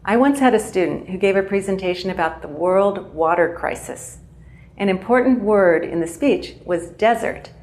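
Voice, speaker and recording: A woman English teacher giving a clear, measured pronunciation lesson. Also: mid-range voice, darkish tone.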